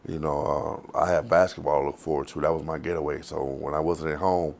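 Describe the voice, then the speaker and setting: A man's voice: rumbling low, steady tone, fairly quick, vocal fry, darkish tone. A man, telling his life story in a loose, rambling, profane way in an interview. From Texas. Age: 40s. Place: outdoors on the street.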